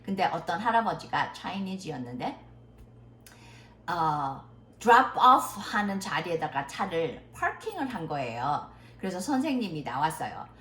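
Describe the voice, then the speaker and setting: A middle-aged woman, a native Korean speaker, giving a casual English conversation lesson and stretching out her English examples slowly. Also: fairly low pitch, big pitch swings, a bit bright. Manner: slow, drawn-out English demonstrations. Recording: echoey room, faint noise.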